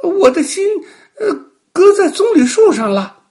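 A shrill, jittery little monkey squeals through this storybook tale, voiced by a man. His voice jumps far above a normal man's and swings wildly up and down. He sounds excitable and easily frightened. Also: measured pace, exaggerated voice. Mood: sly.

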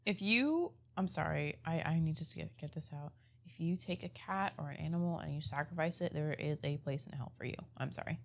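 A woman's voice: low voice, fairly quick, creaky, hardly any pauses. A woman co-hosting a casual chat, reacting dramatically and swearing freely. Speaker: podcast co-host.

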